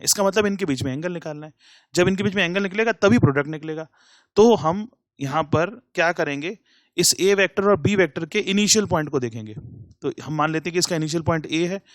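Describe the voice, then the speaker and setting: A man's voice: on the high side, no echo. Man teaching, step by step, close dry sound. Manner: explains step by step, asks himself questions and answers them. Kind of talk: classroom lecture.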